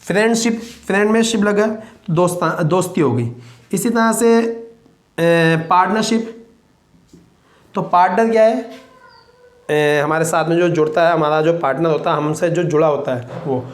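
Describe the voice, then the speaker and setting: A man's voice: fairly high pitch, normal speed. A man, teaching a classroom vocabulary lesson and drilling students with repeated questions. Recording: roomy echo.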